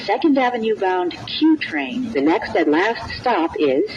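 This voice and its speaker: A woman announcer speaks over a train intercom in neat, scripted segments. Her pitch swings noticeably within each unhurried phrase. The sound is somewhat dull, as train PA speech is. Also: sing-song. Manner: clearly enunciated, formulaic phrasing in separate segments. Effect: played over a train intercom. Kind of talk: scripted automated transit announcement. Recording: dull train PA with background noise.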